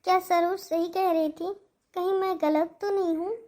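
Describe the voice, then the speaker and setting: A woman voicing an ailing, kindly old mother-in-law in a cartoon story, speaking softly and pleadingly. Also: very high voice, fairly even intonation, moderate pace, slight background noise, voice pushed up. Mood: gentle. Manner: soft, pleading, fond.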